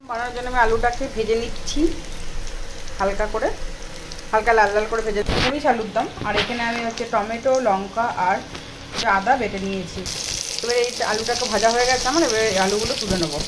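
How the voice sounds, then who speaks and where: Over the sizzle and clatter of a noisy home kitchen, a Bengali-accented woman describes each step of her cooking as she goes. Her voice is on the high side, steady in tone and quick. She's a home cook vlogger doing a casual, indoor demonstration.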